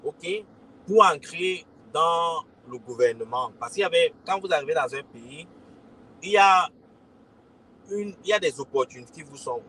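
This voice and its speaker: A man's voice: a little high, expressive, moderate pace, bright, forceful tone, husky, poor audio. A man in his forties from Cameroon with a Cameroonian French accent, casually talking to his followers, often checking in with "ok?" and repeating himself. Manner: repetitive, addresses listeners as "les gars", frequent "ok?". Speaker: crypto consultant and community host. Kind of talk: casual livestream talk to followers.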